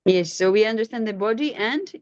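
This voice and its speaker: A woman's voice: medium pitch, lively intonation, a little fast, a little mellow, no echo. A woman, facilitating an online scripture class, patient and questioning as she prompts her students. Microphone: video call. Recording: dull lo-fi video call audio.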